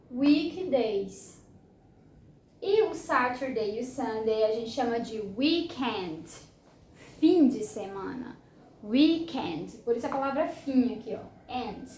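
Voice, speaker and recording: Brazilian woman teaching english, high-ish voice, super slow careful words, echoey room w/ faint hiss. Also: a little mellow. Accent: Brazilian Portuguese. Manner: slow, drawn-out model pronunciation of English words. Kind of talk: bilingual language lesson.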